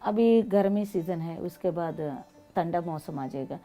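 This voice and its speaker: A woman guest telling personal stories, speaking animated, non-fluent Hindi mixed with English. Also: lowish voice, unhurried, soft background music. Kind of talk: personal storytelling in an interview.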